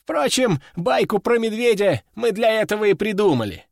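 Man voicing an amused army major, wry, talkative, high voice, bouncy pitch, audiobook. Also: sing-song, normal speed, gravelly, no room sound, clean studio sound, exaggerated voice.

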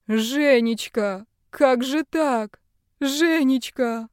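A woman voicing an elderly male doctor with a creaky voice, full of emotion. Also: medium pitch, a little fast, a little mellow, no echo, clean studio sound, lightly acted. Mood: grieving.

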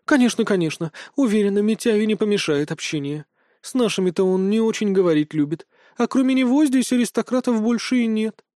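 A man's voice: high-pitched, expressive, fairly quick, darkish tone, dry recording, clean studio sound, pitched above the performer's own voice. A man voicing a polite, talkative village woman in an audiobook. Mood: friendly. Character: friendly chatty village woman. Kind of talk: audiobook character voice.

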